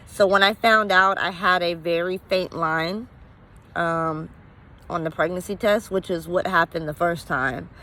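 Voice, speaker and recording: A woman's voice: fairly low pitch, steady tone, unhurried, bright, forceful tone. Candid woman telling a personal story. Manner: candid, conversational, many fillers. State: emotional, near tears at times. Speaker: vlogger.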